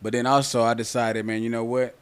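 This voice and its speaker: Speaking smoothly and a touch fast, a forty-year-old man with a mid-range voice and little pitch movement guests on a podcast. He's a cornhole player, casual and conversational, who leans on the phrase "you know what I'm saying."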